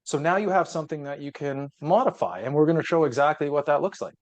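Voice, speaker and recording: A man's voice: fairly high pitch, animated, quick pace, darkish tone. A man co-hosting a webinar in casual, matter-of-fact explanatory talk. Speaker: webinar co-host.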